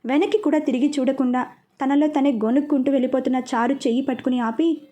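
A woman narrating a serialized romance story with a steady, expressive reading. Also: high-pitched, fast talker.

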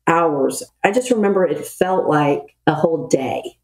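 A retired Navy air traffic control officer, now in middle age, appears as a podcast guest to explain procedures. She speaks in a low voice at a slightly slow pace, matter-of-fact like a retired officer. The sound is echoey and roomy.

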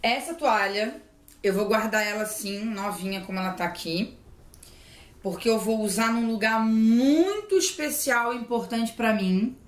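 A woman's voice: a little high, a little slow, roomy sound. A woman from Brazil, chatting casually and gushing as she opens mail at home. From southern Brazil. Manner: gushing, exclamatory, playful. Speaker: vlogger opening mail. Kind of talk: casual unboxing chat.

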